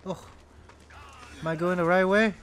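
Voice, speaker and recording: Man, horror game let's-play, hoarse worn voice, jumpy and excitable, fairly high pitch, slow drawn-out talk. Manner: jumpy, excitable, swearing and laughing nervously. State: voice going hoarse. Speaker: gamer playing a horror game. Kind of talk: casual let's-play commentary.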